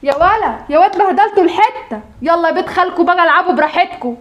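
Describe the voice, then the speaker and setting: A man voicing a loud, touchy Egyptian mother who scolds her kids and takes offence quickly, in an Egyptian accent in a comedy sketch. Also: very high-pitched, animated, muffled recording, pitched above the performer's own voice. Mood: bossy, affectionate. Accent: Egyptian Arabic.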